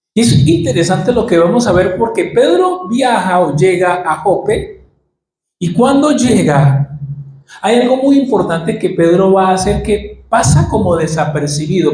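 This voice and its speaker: High-voiced preacher in an echoey hall. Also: male voice, a little mellow, a little hiss or hum. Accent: Colombian Spanish. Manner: dramatic preaching, acting out scenes. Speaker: pastor. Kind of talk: sermon.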